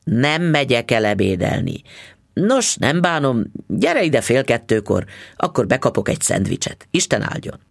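A man's voice: mid-range voice, very animated, vocal fry, dry recording, studio quality. A man voicing a smug, stingy middle-aged male dentist who talks down to his wife. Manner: patronizing.

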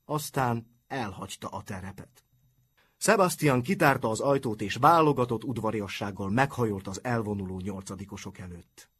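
A man narrating an audiobook in an even storytelling manner. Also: fairly low pitch, slight background noise.

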